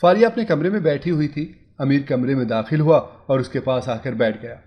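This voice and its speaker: Brief: male storyteller, steady scripted narration, mid-range voice. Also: mid-range voice, normal speed, highs cut off.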